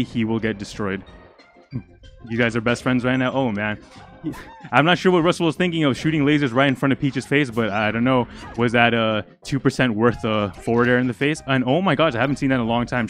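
Young man, esports commentator, out of breath, excitable, stumbling, faint music behind. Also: medium pitch. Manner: excitable, rapid, stumbling over words. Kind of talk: live game commentary.

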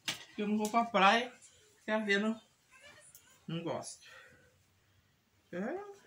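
Very animated and sharp in tone, this Brazilian woman in middle age speaks at a measured pace and medium pitch while doing chores for her home vlog. As a mother chatting casually, she rambles and repeats herself, often ending with a checking tag, with clear household noise and handling clicks in her small room.

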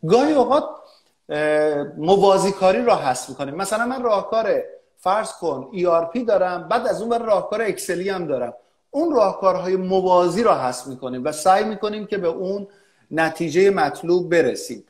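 A man's voice: high-pitched, animated. A man answering interview questions as a business analysis expert, lecturing steadily with frequent hesitant fillers. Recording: echoey room.

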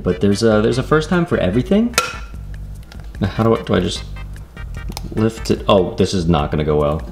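A young man films himself baking in a home kitchen, cracking jokes and cursing as he talks to the camera. His mid-pitched voice swings up and down a lot. The kitchen sounds roomy, with music playing under him. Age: young adult. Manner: joking, swearing, talks to viewers. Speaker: vlogger. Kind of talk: casual cooking vlog. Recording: echoey kitchen with background music.

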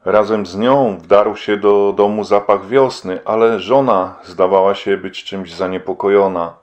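A man narrating a book in a calm, measured way. His voice sits a bit low and stays steady through long passages. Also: lo-fi sound. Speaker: audiobook narrator. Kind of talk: scripted narration.

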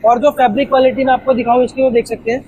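A man's voice: very high voice, level tone, dark tone, lo-fi sound, a little hiss or hum. A man hosting a market vlog, eagerly questioning a factory worker on a casual tour of a pillow factory floor. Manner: quick, eager questioning with many "hmm" and "okay ji" fillers. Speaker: market vlogger.

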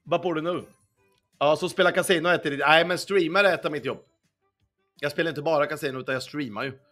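A young man with a fairly high, sharp voice streams casino games, casually chatting with viewers and answering their messages as he plays. He swears often and hums along to faint music in the background.

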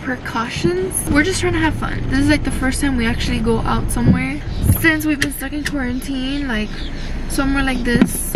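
A woman's voice: high-pitched, moderate pace, very noisy. A young woman vlogging in a casual, giggly, slangy way, filming herself with a handheld camera in a car and at a mall. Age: young adult. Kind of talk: casual vlog chat. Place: car, mall and arcade at night.

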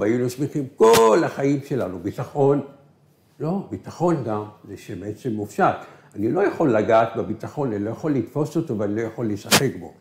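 A male teacher whose first language is Arabic gives a recorded grammar lesson. He asks questions and answers them himself, slowing down on key words. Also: fairly low pitch, a little mellow. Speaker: Hebrew teacher. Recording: echoey room.

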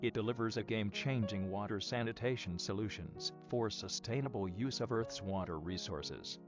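Male voice-over, lowish, even scripted read, muffled sound, music under. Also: normal speed. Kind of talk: scripted narration. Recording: dull lo-fi voice-over.

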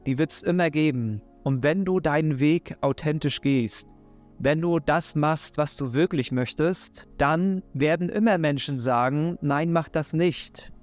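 This man's voice is fairly high and slightly dark, his pace measured, as he gives an earnest, encouraging faith talk to camera from his living room. He's a self-help YouTuber in his thirties from Hamburg, with the matching German accent, recorded on a desk microphone with faint music behind.

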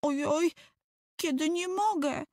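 A woman's voice: sits high, takes it slowly, darkish tone, dry recording, studio quality, pitched above the performer's own voice. A woman voicing a timid small boy who whines that he is afraid and cannot climb down. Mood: frightened whining. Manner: whiny, frightened.

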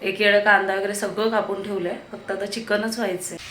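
A chatty woman in her thirties from Maharashtra talks casually to her viewers from a home kitchen. Her speech is mid-pitched and full of hesitant little fillers. Faint household noise sits behind her. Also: fairly even intonation, fast talker, fairly bright tone. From Maharashtra, India. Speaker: vlogger. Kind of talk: casual daily vlog talk to camera.

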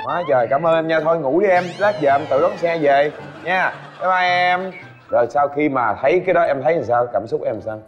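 A man's voice: fairly high pitch, a little fast, highs cut off, faint music behind. A man hosting a TV game show, playful and teasing with the guests. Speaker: TV show host.

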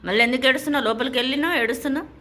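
A woman's voice: high voice, very fast, bright, forceful tone. A young woman with a Telangana Telugu accent, filming at home and coaxing her small child with repeated questions in a casual home vlog.

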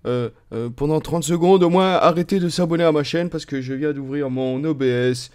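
A man hosting a let's play, giving casual, playful gameplay commentary with lots of fillers and lively swings in pitch and loudness. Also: normal speed, clear, resonant tone.

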